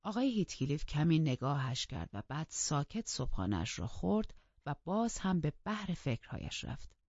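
Audiobook narrator, measured storytelling, muffled lo-fi, dry. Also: medium pitch, sing-song, darkish tone, no room sound. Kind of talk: dramatic novel reading. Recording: dull lo-fi dry recording.

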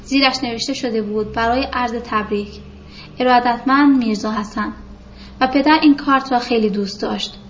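A woman reading a literary novel aloud in a calm, measured storytelling voice, on a dull lo-fi recording with faint hiss. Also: fairly high pitch. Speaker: narrator. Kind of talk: literary audiobook narration.

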